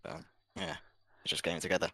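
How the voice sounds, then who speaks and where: A man giving brief, low-key answers as a winning sim racer in a casual post-race interview. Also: huge pitch swings, fairly quick, creaky, sharp tone.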